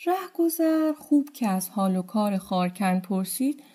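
A woman narrating a folk tale in a gentle, colloquial storytelling manner. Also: medium pitch, animated.

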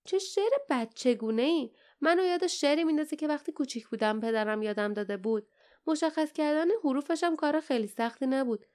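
A woman voicing a bold, sharp-tongued girl who talks in a curt, scornful way. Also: sits high, animated, voice pushed up.

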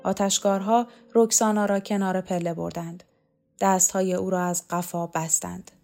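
A woman reads a novel aloud in a measured, even storytelling voice. Faint music runs under her narration. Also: fairly low pitch, creaky. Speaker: audiobook narrator. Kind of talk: literary audiobook narration.

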